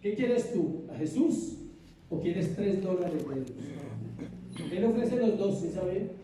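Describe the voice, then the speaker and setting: A man's voice: sits high, very animated, slow, mellow, a little hiss or hum. A man pastor preaching a sermon, putting questions to the congregation and answering them himself. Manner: call-and-response questions to the congregation. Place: church. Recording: echoey church hall from far off.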